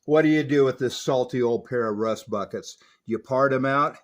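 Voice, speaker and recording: An American radio technician and collector presents a restoration, giving an informal, hands-on repair walkthrough packed with technical hobbyist jargon. His voice is mid-range and his speed normal.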